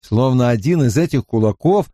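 A man narrating a fantasy novel as an audiobook in an expressive storytelling manner. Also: medium pitch, moderate pace, dry recording, studio quality.

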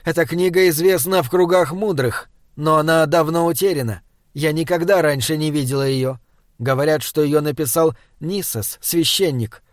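A man voicing a calm, measured older wise woman in an audiobook. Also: a little high, dry recording, studio quality, natural voice. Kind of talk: audiobook character reading.

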